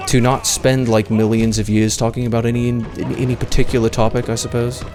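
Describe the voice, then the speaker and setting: A man's voice: mid-range voice, flat delivery, a little fast. A man, chatting casually and at length on a livestream, meandering with lots of fillers and restarts. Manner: meandering, self-deprecating, many fillers and restarts. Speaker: streamer. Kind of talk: casual rambling livestream chat. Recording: music playing clearly behind the voice.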